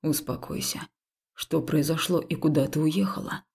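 Woman putting on a low quiet necromancer guy, gravelly, cool and unbothered, audiobook. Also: steady tone, full character voice. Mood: aloof, calm. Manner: cool, unhurried, indifferent. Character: calm aloof male necromancer, young man. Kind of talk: audiobook character voice.

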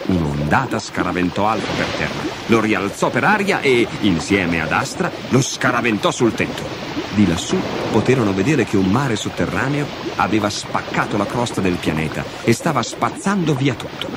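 A man narrating a children's story with an expressive, dramatic reading. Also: lowish voice, normal speed. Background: music.

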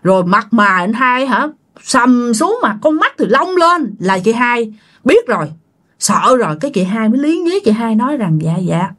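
Woman, Southern Vietnamese accent, ghost story narrator, chatty, fairly high voice, animated intonation. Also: moderate pace. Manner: chatty, addresses listeners directly.

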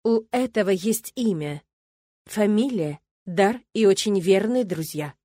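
A man's voice: high voice, fairly quick, no echo, natural voice. Woman narrator playing a cocky young male mage, self-assured, dry close read. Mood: smug confident.

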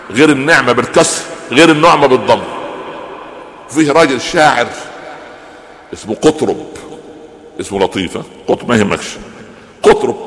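A man's voice: mid-range voice, a little hiss or hum. A man with an Egyptian accent teaching a religious lesson, asking his listeners rhetorical questions and joking with them. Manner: lively, rhetorical questions, jokes. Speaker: preacher explaining hadith. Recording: echoey hall with long reverb.

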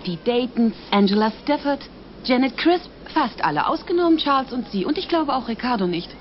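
Lively, high-voiced young amateur sleuth. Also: female voice, a little fast. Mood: intrigued. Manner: direct, insistent. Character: Egg, inquisitive, insistent young woman amateur sleuth. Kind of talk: dubbed mystery drama acting. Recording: dull band-limited audio with clear noise.

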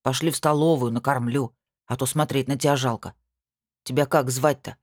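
A small crimson cat-squirrel fellow, as a woman puts him on, asking plain kindly questions in a low, deep voice. He is friendly and curious, a creature out of an audiobook tale, heard in a dry, close recording. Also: fairly even intonation, moderate pace, a little mellow, no room sound.

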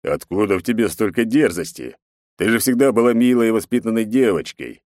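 A man voicing a gruff, commanding middle-aged emperor and father in an audiobook. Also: lowish voice, lively intonation, a little fast, a little mellow, no echo, clean studio sound, natural voice. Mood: stern.

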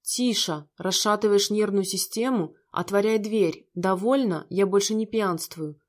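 A woman's voice: medium pitch, measured pace, close to an everyday voice. A woman voicing a cold, bitter rich young man who talks in a harsh, scornful way.

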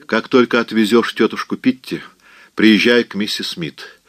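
A young woman in an audiobook, put on by a male reader, gentle yet firm and commanding. The reader stays close to his own low, dry voice. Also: moderate pace, dry recording, close to an everyday voice.

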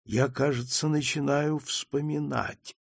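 A man reading an audiobook, voicing a frail, confused old marquis who speaks slowly in a hushed, trembling voice. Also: a little high, fairly even intonation, gravelly, dry recording, studio quality, exaggerated voice. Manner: slow, hushed, trembling speech.

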